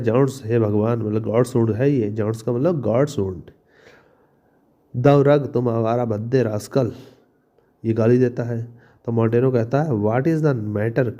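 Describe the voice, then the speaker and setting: Reading each English line of a play slowly, a male teacher then explains it in Hindi, line by line. His voice is medium in pitch and warm, and the audio is dull.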